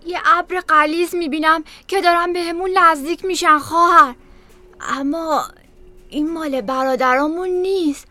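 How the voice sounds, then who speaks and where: A woman's voice: very high voice, steady tone, pushed and bright, dry recording, soft background music, pitched above the performer's own voice. A woman voicing a young sister keeping watch from a tower in a storybook, calling down her reports. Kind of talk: storybook reading.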